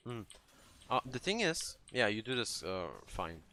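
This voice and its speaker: An unhurried but very animated gaming coach breaks down a game replay, his mid-range voice sharp in tone over a little hiss or hum. He explains conversationally, stumbling into restarts and asking "right?" to check he's being followed.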